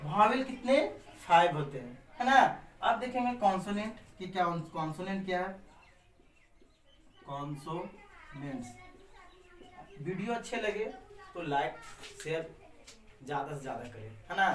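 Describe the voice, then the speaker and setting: A man's voice: sits high, a bit bright. A man teaching a basic grammar lesson to camera, asking and answering his own questions with frequent tags. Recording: echoey room, far from the mic.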